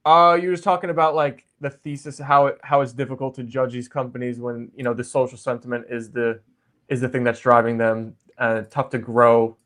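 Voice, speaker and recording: A man's voice: mid-range voice, little pitch movement, a little fast, a bit bright. A man hosting a livestream over a video call, chatting casually and filling his talk with "like" and "um". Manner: loose, lots of "like" and "um". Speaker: livestream host.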